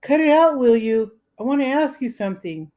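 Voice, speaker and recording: A woman's voice: sits high, animated, normal speed, mellow, voice pushed up. Woman doing a nervous, quavering boy. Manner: hearty but quavering. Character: nervous boy trying to sound brave.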